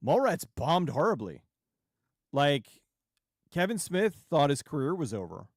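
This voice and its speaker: A man hosting a livestream and chatting casually with viewers in a rambling, halting way, often restarting sentences and digressing. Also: fairly high pitch, big pitch swings, no room sound, clean studio sound. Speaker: YouTube livestream host.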